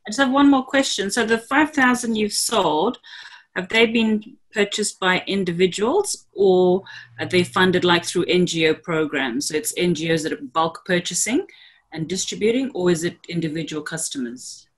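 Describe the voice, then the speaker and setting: A woman judge asking a founder quick, curious questions. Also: lowish voice.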